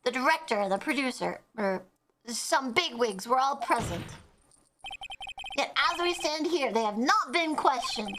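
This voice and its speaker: A woman's voice: sits high, lively intonation, a little slow, background noise. A woman voicing an earnest, flustered young male defense lawyer in an argumentative courtroom manner while reading a visual novel aloud.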